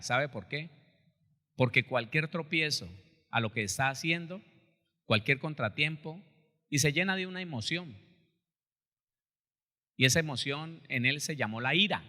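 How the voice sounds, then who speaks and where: A male pastor tells a story from the pulpit in an animated sermon, acting out the voices of the people in it. His voice is forceful and tense, sitting a little high for a man. It rings through an echoey church hall. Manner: animated, acts out quotes, addresses listeners as brother.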